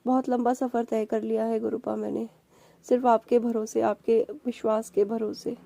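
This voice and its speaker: A woman's voice: on the high side, flat delivery, normal speed, vocal fry, dark tone. A woman sharing a devotional testimony in a prayerful, emotional way, slipping English words into her talk. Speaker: satsang sharer, channel host.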